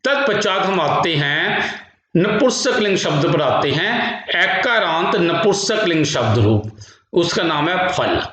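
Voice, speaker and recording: A male teacher from India giving a grammar lecture, chanting word forms slowly in a singsong drill and explaining them. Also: sits high, big pitch swings, fairly bright tone, slight background noise. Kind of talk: classroom lecture with recitation. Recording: echoey room, dull lo-fi sound.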